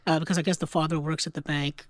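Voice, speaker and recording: A man co-hosting a casual film podcast, retelling scenes with lively put-on voices. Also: fairly high pitch, dry recording. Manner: animated, acts out scenes in quick put-on voices. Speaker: podcast co-host.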